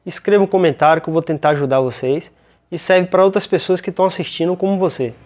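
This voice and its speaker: A man's voice: high voice, fast talker, darkish tone. A man reading a scripted voice-over that introduces a tech tutorial and invites viewers to comment.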